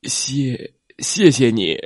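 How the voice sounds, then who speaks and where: A man's voice: medium pitch, very animated, drawn-out words, darkish tone, dry recording, studio quality, full character voice. A man voicing a big, lonely male T. rex who stammers and hesitates as he talks. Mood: nervous. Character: big lonely male T. rex, gruff but shy, fibs nervously.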